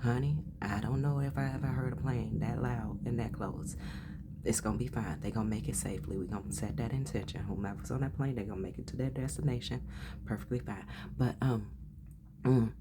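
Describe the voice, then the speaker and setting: A woman giving a casual, chatty tarot reading. She calls the listener honey and often drops into soft whispers. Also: a bass voice, steady tone, brisk, heavy background noise. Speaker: tarot reader.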